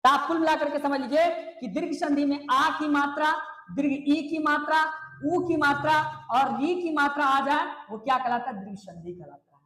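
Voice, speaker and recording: A man's voice: extremely high pitch, normal speed, pushed and bright. A man teaching Hindi grammar for exams, drilling rules by asking questions and answering them himself. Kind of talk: exam coaching lesson. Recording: echoey room.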